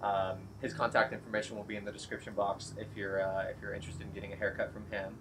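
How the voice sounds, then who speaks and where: A man interviewing a salon owner in a casual, friendly way, often pausing with fillers and restarting sentences. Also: fairly low pitch, level tone, noisy background. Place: salon, outdoors then indoors.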